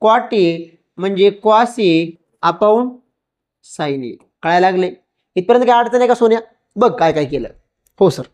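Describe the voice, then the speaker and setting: Slow, patient woman teacher explaining to a child. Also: medium pitch, expressive, a little mellow. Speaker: maths teacher. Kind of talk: step-by-step lesson, explaining to a child.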